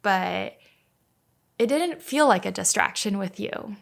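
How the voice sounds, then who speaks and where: A woman in her thirties, a native Slovak speaker raised in Canada, chats casually as a podcast guest. Her medium-pitched voice is slow with vocal fry. She's relaxed and uses plenty of filler words, especially "like."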